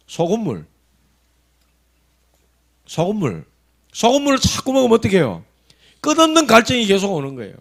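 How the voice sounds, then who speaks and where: A male pastor with a Gyeongsang accent preaching a sermon, telling stories animatedly and swinging between soft and loud. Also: high-pitched, vocal fry. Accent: Gyeongsang dialect.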